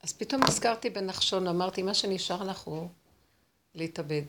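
A woman's voice: lowish voice, heavy background noise. A woman teaching a spiritual lesson, telling stories with emotion and acting out what people said. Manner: animated, dramatic storytelling.

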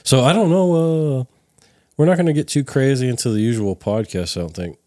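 A man's voice: mid-range voice, a little fast, darkish tone, dry recording, studio quality. A man in his thirties hosting a podcast, loose and joking, swearing often. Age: 30s. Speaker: podcast host. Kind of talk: casual podcast chat.

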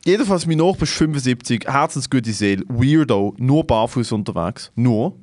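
A man's voice: medium pitch, normal speed, dry recording, clean studio sound. A young Swiss man with a Swiss German accent, a comedian co-hosting a podcast, who tells stories animatedly and acts out the quotes in casual chat. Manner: animated storyteller, acts out quotes, laughs often.

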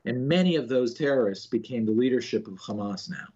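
A man speaks as an analyst in a news interview. His voice is husky and mid-pitched, with a slightly dull recording. He explains his points haltingly, often doubling back on words. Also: expressive, a little mellow. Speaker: political analyst interviewed as a guest.

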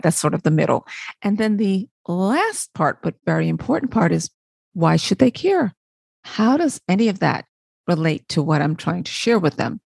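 A woman from Barbados hosting a motivational podcast. She asks rhetorical questions, answers them herself and often checks in with a quick "right?". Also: low voice, gravelly, a little mellow, no room sound. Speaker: podcast host.

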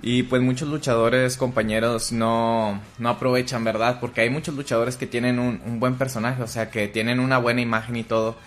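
A man with a Mexican Spanish accent, a wrestler guest, chatting casually in a slangy, relaxed and animated way. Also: medium pitch, a little fast, hardly any pauses, faint music behind. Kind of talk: casual chat.

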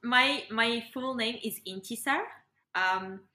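A young adult woman from Morocco, a yoga and breathwork facilitator, talks casually as a guest in a podcast interview. Her fairly high voice is slow, bright, and forceful, and the recording sounds roomy and echoey.

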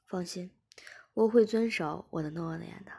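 A woman voicing a calm, teasing man in a soft, whispered role-play. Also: on the low side, moderate pace, gravelly, slightly rough. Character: calm commanding man, the master.

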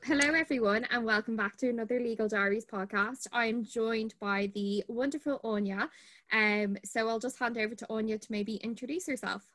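A woman's voice: on the high side, fairly even intonation, a little fast, fairly bright tone. A woman in her twenties with an Irish accent, hosting a podcast in an informal, conversational way. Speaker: podcast host, barrister.

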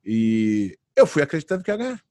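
A man in his late thirties, a jiu-jitsu fighter, telling lively anecdotes in a casual interview. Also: mid-range voice, a little fast, dry recording, clean studio sound. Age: late 30s. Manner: animated anecdotes, acts out quoted voices.

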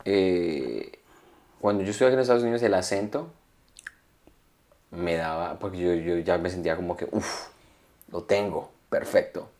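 Young dude, kinda low voice, tells stories with lots of cussing. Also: male voice, normal speed, long pauses. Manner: animated storyteller, swears freely. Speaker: comedy podcast co-host. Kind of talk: casual chat.

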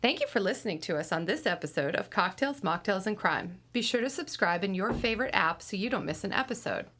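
A woman's voice: medium pitch, lively intonation, fast talker, a bit bright, slight background noise. A woman co-hosting a podcast, chatting casually with wry humor and reading the sign-off. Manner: chatty and wry, laughing easily. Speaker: podcast co-host.

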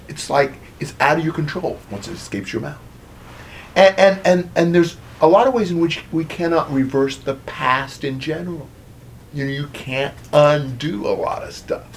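A male preacher talking through a story in a loose, conversational way. His voice sits a little high and swings widely in pitch as he lingers on the drama. A faint hiss runs under the recording. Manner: animated, conversational retelling. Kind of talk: conversational sermon.

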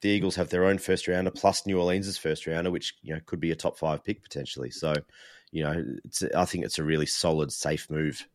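A man's voice: very deep voice, fairly even intonation, fairly quick. A man giving casual sports analysis as a podcast co-host, repeating words as he builds each point.

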